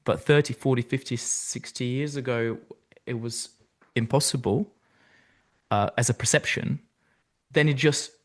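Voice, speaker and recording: A male podcast host, reflective and curious as he asks probing questions. His voice sits in a mid range, and he speaks at an even conversational pace. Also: medium pitch, a little slow, long pauses. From Bulgaria. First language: Bulgarian. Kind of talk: interview conversation.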